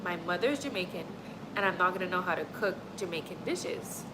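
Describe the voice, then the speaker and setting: A fairly low-pitched, expressive female voice, a little fast, comes through a noisy background. She's a young livestream host from Montreal, Canada, casually chatting with her live chat in a rambling, friendly manner packed with "like" and "honestly."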